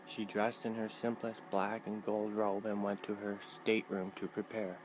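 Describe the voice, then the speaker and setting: A man reading a fantasy book aloud in a measured, steady narration. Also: on the low side, a little hiss or hum, low-quality recording. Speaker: reader. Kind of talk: audiobook narration.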